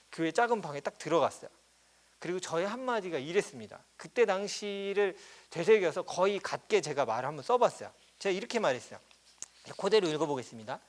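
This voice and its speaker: A middle-aged man preaching a storytelling sermon to his congregation. His voice sits high and moves with a very lively melody. He brings the story to life by briefly voicing the people in it. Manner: animated, acts out children's quarrels in quoted voices. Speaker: pastor. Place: church.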